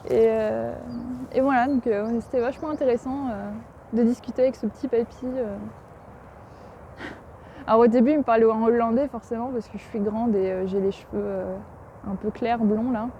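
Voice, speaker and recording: A woman's voice: fairly high pitch, fairly even intonation, moderate pace, dark tone. A woman from France vlogging outdoors in a garden park, chatty and hesitant with lots of fillers. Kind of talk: casual vlog narration. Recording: outdoor wind noise.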